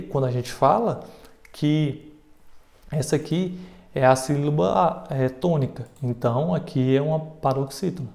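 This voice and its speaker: A man's voice: mid-range voice, vocal fry, mellow, reverberant. A Brazilian man giving a casual, informal exam-prep lesson who keeps checking in with his listeners. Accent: Brazilian Portuguese. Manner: informal, self-deprecating, checks in with "né?" and "tá?".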